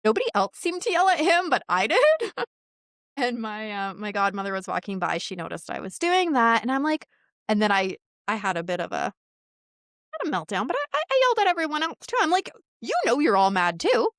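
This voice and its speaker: A woman's voice: fairly high pitch, big pitch swings, fairly quick, a bit bright, no echo, clean studio sound. A woman talking as a podcast guest in casual interview chat, candid and blunt, often laughing as she talks.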